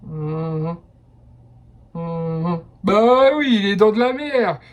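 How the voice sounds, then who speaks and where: A man's voice: high-pitched, expressive, extremely slow, highs cut off, loud music behind the voice. Guy hosting a blind test, chatty and enthusiastic, goes off on little stories. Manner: chatty, enthusiastic, personal asides. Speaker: quiz host.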